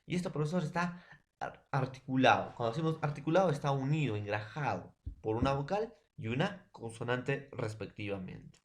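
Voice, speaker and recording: A Peruvian man with a medium-pitched, animated voice teaches a secondary school language class at a moderate pace in a recorded online lecture. He explains patiently and repeats himself, packing every phrase with tag questions, fillers and direct addresses.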